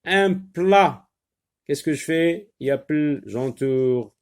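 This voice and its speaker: A man's voice: medium pitch, measured pace, mellow, clean tone. A man with a Maghrebi French accent, teaching a reading lesson and patiently sounding out syllables.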